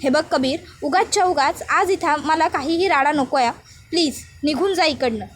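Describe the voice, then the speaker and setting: Woman doing a sharp indignant young woman. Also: sits high, moderate pace, a little hiss or hum, close to an everyday voice. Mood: angry. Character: stubborn grieving young woman.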